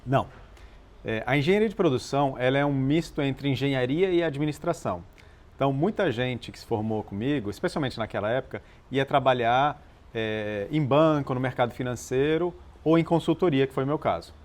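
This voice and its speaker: A man born in Chile, an interview guest and nonprofit founder, telling his story in a measured, explanatory way with some hesitations. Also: mid-range voice, expressive, a little mellow. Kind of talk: relaxed conversational storytelling.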